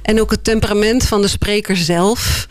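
A woman answering interview questions in a thoughtful, hesitant way, often pausing with fillers. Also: medium pitch, steady tone, dry recording. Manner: thoughtful, hesitant, many "eh" and "ja" pauses. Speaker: board member of a foundation, interview guest.

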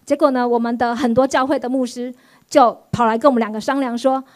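A woman pastor, giving a sermon testimony in an animated storytelling way. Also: a little high, fast talker. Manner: animated storytelling, acts out quoted voices.

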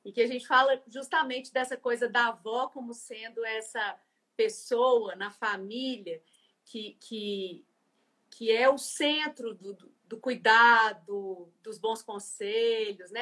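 A woman's voice: on the high side, slow pace, fairly bright tone. A woman hosting an interview, speaking in a reflective, searching way. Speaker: host. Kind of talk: interview conversation.

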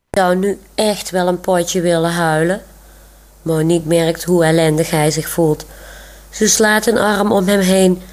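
A woman's voice: lowish voice, a little mellow. A woman reading a children's book chapter aloud on a radio show. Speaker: radio reader.

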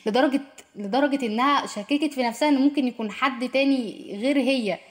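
Egyptian woman, radio host, quick chatty delivery, addresses the listener. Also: high-pitched. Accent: Egyptian Arabic. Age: young adult. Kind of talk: casual radio talk.

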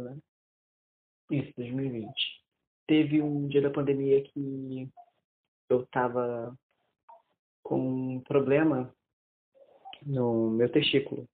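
A man in his twenties telling a personal story in casual conversation, animated and often restarting his sentences. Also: medium pitch. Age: 20s. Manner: animated, acts out quoted dialogue, many restarts. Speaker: interviewee. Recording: tinny phone-like audio.

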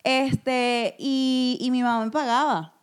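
Animated woman. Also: sits high, takes it slowly, clear, resonant tone. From Venezuela. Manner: animated storytelling, calls her friend comadre. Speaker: podcast co-host. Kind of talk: casual chat.

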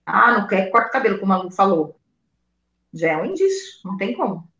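A woman's voice: mid-range voice, very animated, quick pace, pushed and bright, muffled recording. A Brazilian woman speaking as a guest in a casual chat, explaining and repeating her points with rhetorical checks. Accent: Brazilian Portuguese. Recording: echoey room.

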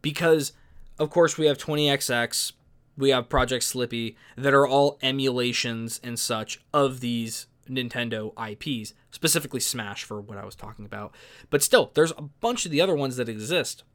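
A man's voice: mid-range voice, normal speed, fairly bright tone. Exasperated young man ranting. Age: young adult. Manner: opinionated and exasperated, with many restarts. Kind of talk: casual commentary.

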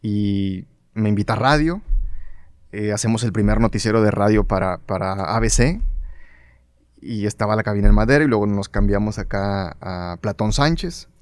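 A man's voice: on the low side, moderate pace, smooth, dry recording, studio quality. A middle-aged man with a northern Mexican accent, a broadcast journalist casually telling stories in an interview and acting out the dialogue he quotes. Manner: animated anecdotal storyteller, acts out quoted dialogue, frequent fillers.

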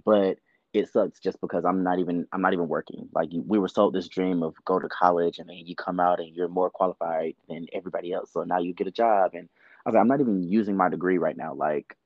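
A man's voice: sits low, steady tone, fast talker, dry recording, muffled recording. A man from the US South, a podcast guest talking candidly in a chatty, filler-heavy way. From Georgia, US South. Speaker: podcast guest, actor and producer. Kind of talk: casual interview talk.

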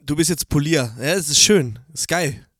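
A man's voice: on the high side, moderate pace, a bit bright, breathy edge, no room sound. A man co-hosting a casual podcast, teasing and joking. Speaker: podcast co-host. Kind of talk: casual chat.

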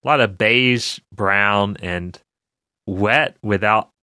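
An easygoing man co-hosting a casual podcast. His voice is bright and forceful, and it is recorded dry and close. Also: fairly low pitch, slow, no room sound. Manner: easygoing, laughs often. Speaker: podcast co-host. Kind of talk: casual chat.

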